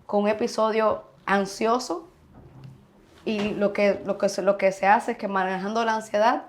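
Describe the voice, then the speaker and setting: Frank woman specialist guest, emphatic, explains plainly, mid-pitched voice. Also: fairly even intonation, normal speed, a little hiss or hum. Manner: frank, emphatic, acts out patient dialogue. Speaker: urologist guest. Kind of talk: interview answers, explaining.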